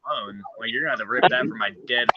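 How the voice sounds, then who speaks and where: A man's voice: medium pitch, racing. A man talks into a phone held in his hand, and his voice arrives muffled and dull, as if it were coming from underwater. A strong hiss runs under every word. He rambles loosely and swears freely, in a casual chat. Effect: muffled, underwater-sounding phone audio. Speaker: guest calling in. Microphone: phone held in hand, no wifi. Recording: muffled noisy phone line.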